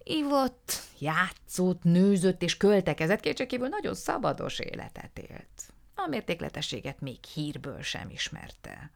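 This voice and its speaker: A woman's voice: lowish voice, very animated, gravelly, pitched above the performer's own voice. A woman voicing a fussy, theatrical little male art dealer who talks in a flowery, gushing way. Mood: confiding.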